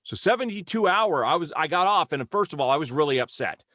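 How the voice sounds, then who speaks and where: A man's voice: a little high, expressive, quick pace, fairly bright tone, no room sound, clean studio sound. Exasperated man telling a complaint story. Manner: exasperated, retells phone calls with lots of quoted dialogue. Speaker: vlogger reviewing a company's customer service. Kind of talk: casual first-person storytelling rant.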